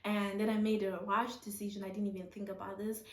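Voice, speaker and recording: A young woman from Zimbabwe tells a personal story in a casual, animated way, laughing often and acting out the dialogue. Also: medium pitch, quick pace, recorded from a distance. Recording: echoey room.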